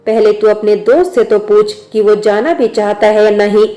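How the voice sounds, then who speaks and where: A woman's voice: mid-range voice, fairly even intonation, moderate pace, mellow, close to an everyday voice. Woman reading as a harsh brothel madam. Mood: gruff. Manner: scolding, harsh. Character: rough, hard-nosed middle-aged brothel madam.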